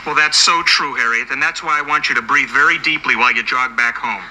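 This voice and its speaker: An actor playing a flustered suburban dad who keeps backpedaling nervously in a sitcom. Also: male voice, medium pitch, a little fast, sharp tone, slight background noise, poor audio. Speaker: father and husband. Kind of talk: sitcom acting.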